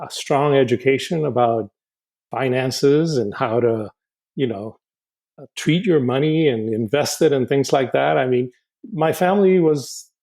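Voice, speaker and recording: A Honduran man in his 60s, a guest on a casual podcast interview, speaks in a medium-pitched, somewhat dark voice. He is halting and reflective, frequently restarting and repeating words as he gathers his thoughts.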